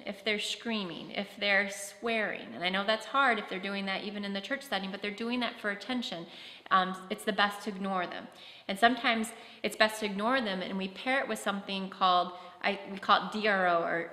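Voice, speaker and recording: A woman's voice: mid-range voice, pushed and bright. A woman presenting a practical workshop talk at a conference, explaining with concrete classroom examples. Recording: echoey hall.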